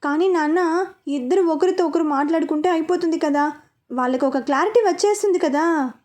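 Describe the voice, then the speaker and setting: A woman's voice: very high voice, brisk, darkish tone. Woman reading a playful, scheming young brother in a storybook; eager and teasing.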